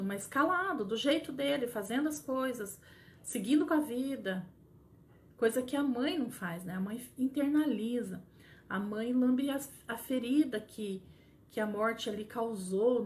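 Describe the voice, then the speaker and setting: A middle-aged Brazilian woman with a Brazilian Portuguese accent, a grief counselor for mothers, talking gently and earnestly on a live stream, pausing and restarting often. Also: mid-range voice.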